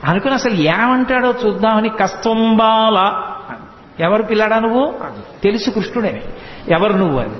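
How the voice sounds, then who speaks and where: Devotional speaker, male, high voice, lively storytelling with chanted verses, roomy hall, dull sound. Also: fairly quick, slight background noise. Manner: animated storytelling, chants verses in a sing-song tone. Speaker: spiritual discourse speaker.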